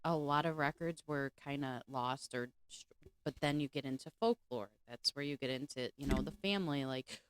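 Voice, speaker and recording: A woman's voice: extremely low pitch, moderate pace. A woman from Chicago, a podcast guest, talking openly and casually and laughing easily. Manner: open, chatty, laughs easily. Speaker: guest, convention organizer.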